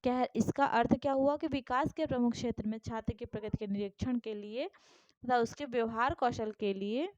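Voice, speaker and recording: A woman's voice: medium pitch, warm tone, no room sound. Woman teacher, exam-prep lesson, methodical and checking in, dry lo-fi sound. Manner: explains step by step, reads Sanskrit questions aloud, keeps checking "ठीक?". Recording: dull, lo-fi dry recording.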